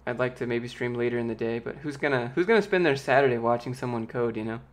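This streamer, a man in his late twenties, is a fast talker who reads chat questions aloud and rambles through his answers in a relaxed live-stream. His light, youthful voice sometimes squeaks. He sits near a large studio mic with a pop filter in a compact home office.

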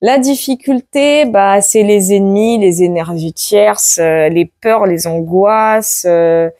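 A woman reading tarot cards aloud to her viewers in a casual chat, tagging her sentences with "hein" and bursting into loud exclamations. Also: medium pitch, takes it slowly, no room sound, studio quality. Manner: excitable, exclaims loudly, many "hein" tags. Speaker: tarot card reader. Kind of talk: casual card-reading video.

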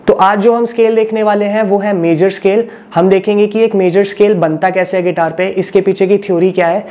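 A man's voice: high-pitched, a little mellow. A man teaching a guitar lesson, patiently explaining and repeating each step, mixing Hindi with English phrases.

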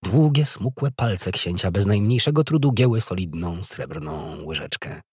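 Husky, low-voiced male audiobook narrator. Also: expressive, a little slow, darkish tone, no echo, studio quality. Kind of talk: scripted narration.

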